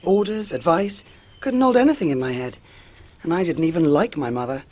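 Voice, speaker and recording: An actress playing a brusque, practical woman in an audio drama, with a husky voice and deadpan, clipped delivery. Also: low voice, a little fast. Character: brusque, practical, dry-witted woman who takes charge.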